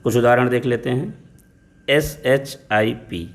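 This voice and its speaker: A man teaches pronunciation at an unhurried pace. He works through letters and their sounds one at a time, patient and methodical. His mid-pitched voice carries a gravelly texture. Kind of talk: explaining phonetics lesson.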